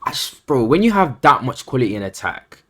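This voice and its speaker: A man's voice: medium pitch, big pitch swings, fairly quick, bright, forceful tone. A man co-hosting a casual football podcast, hedging and repeating himself as he gives his views. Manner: hedging, repeats himself, lots of "I think" and "I feel like". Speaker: podcast co-host.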